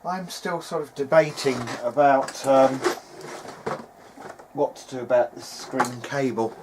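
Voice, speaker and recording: Slow and mid-range, this man's voice gives informal workbench commentary; he's a hobbyist radio restorer presenting, and he thinks aloud hesitantly. Clear, steady background noise is present.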